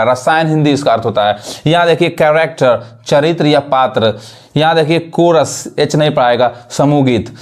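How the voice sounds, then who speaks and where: Higher-voiced man teaching English rules. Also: a little mellow. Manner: explains step by step, asks and answers his own questions. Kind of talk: video lesson explaining pronunciation.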